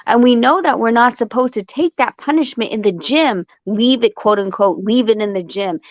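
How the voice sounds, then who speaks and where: A woman's voice: fairly high pitch, normal speed, no room sound. A woman who trains boxers, telling blunt, profane stories during a casual panel chat, with a muffled, dry sound. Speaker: boxing trainer.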